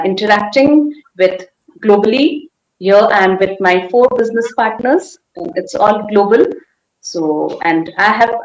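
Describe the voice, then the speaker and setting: Woman from Nepal, livestream guest, earnest and plain, echoey room sound. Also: medium pitch. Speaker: guest panelist. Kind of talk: casual livestream chat.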